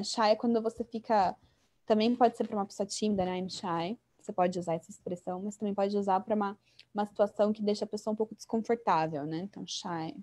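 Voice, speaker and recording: A woman teaching English idioms in an online class, explaining them in a chatty way and often checking in with a quick tag question. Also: medium pitch, a little mellow.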